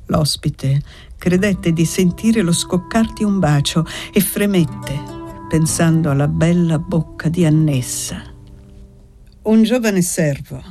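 A narrator reading a novel aloud in a measured, steady way. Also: medium pitch. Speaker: audiobook narrator. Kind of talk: scripted narration.

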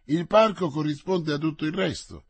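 A man reading D'Artagnan, shrewd and measured. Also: fairly high pitch, breathy edge, dry recording. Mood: persuasive. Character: shrewd, persuasive male musketeer.

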